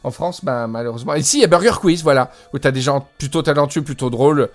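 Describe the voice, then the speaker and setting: Quick-paced and mid-range, a man's voice carries a laid-back podcast chat held over a Skype call. As co-host he talks with real enthusiasm, yet hesitates a lot and uses many fillers.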